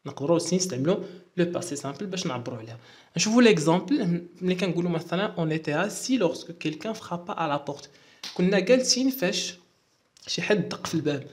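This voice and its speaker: A man's voice: sits high, expressive, racing. A man with a Moroccan accent explaining French verb endings in a lesson and spelling out endings letter by letter. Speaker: French teacher.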